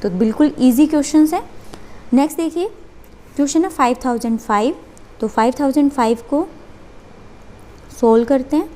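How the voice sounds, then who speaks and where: A woman's voice: high voice, moderate pace, pauses often, mellow. A woman teaching a maths lesson, working step by step and asking and answering her own questions.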